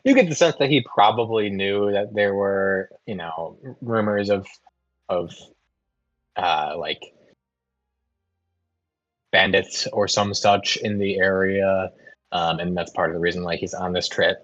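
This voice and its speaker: A man serving as dungeon master, explaining rules and narrating in a relaxed way with lots of ums and uhs. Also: sits low, a little slow, long pauses, dry recording, muffled recording. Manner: relaxed, with frequent "um" and "uh". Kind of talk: running a tabletop game.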